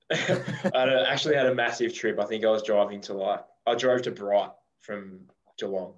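A man's voice: on the low side, normal speed. A man on a podcast, casually talking through a long rambling analogy. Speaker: podcast guest. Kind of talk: casual chat. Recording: dull, muffled audio.

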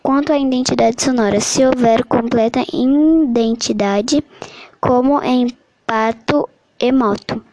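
A woman reading a Portuguese grammar summary aloud as a lesson, halting often and correcting her own slips. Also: a little high, a little mellow, no room sound, low-quality recording. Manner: slow, halting reading with restarts and self-corrections. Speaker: teacher reading a study summary.

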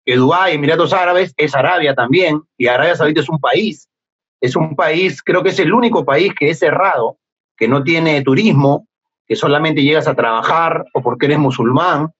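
A middle-aged Peruvian man with a Peruvian Spanish accent, telling stories as an interview guest, animated and laughing often. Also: on the high side, moderate pace, breathy edge. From Peru. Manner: animated, laughs often, acts out remembered dialogue. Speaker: guest, former footballer. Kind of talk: casual storytelling interview. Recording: dull lo-fi podcast audio.

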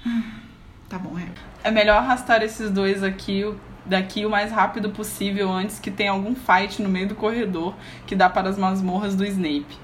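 A woman's voice: mid-range voice, steady tone, moderate pace, a little hiss or hum, close to an everyday voice. A woman with a Brazilian accent reading aloud as an irritable, moody teenage girl witch venting in her diary, grumbling and exasperated. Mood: fed up. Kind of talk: reading fan fiction aloud.

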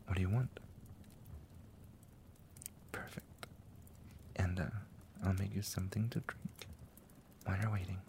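A man voicing an affectionate, doting male dragon lover in an ASMR roleplay, talking softly and often in a tender whisper. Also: deep voice, fairly even intonation, unhurried, creaky, pauses often, slight background noise.

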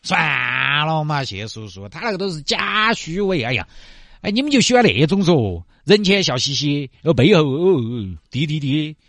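A man's voice: a little high, sing-song, normal speed, fairly bright tone, no room sound, pitched above the performer's own voice. A man playing an envious young village man with a Sichuanese accent, grumbling sourly about a friend in a comic storytelling skit. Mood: bitter, jealous. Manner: sour, complaining.

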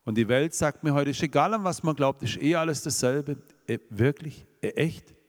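A man's voice: on the high side, moderate pace. A man with a Swabian accent preaching a sermon, asking the congregation rhetorical questions. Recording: long reverb of a hall.

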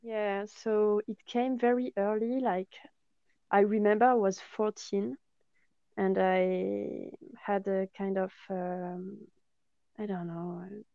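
There's a gravelly quality to the mid-range voice of this young French interview guest, who speaks slowly with fairly even intonation and a French accent. Discussing her work in a casual chat, she's hesitant, full of fillers and restarts, and the recording sounds dull and lo-fi without echo.

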